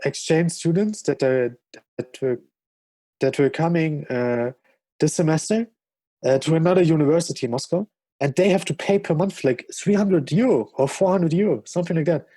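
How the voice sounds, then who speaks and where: A German-accented man chats as a podcast guest with real enthusiasm. His voice is a little high yet mellow. The recording is dry and close. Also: moderate pace, no room sound. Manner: enthusiastic, frequent fillers. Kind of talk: casual chat.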